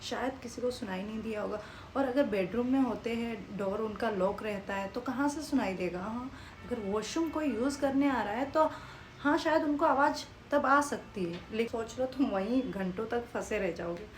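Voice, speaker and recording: A young woman telling a story in a casual vlog, lively and animated, mixing English phrases into her talk. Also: a little high, moderate pace. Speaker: vlogger. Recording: echoey room with faint background noise.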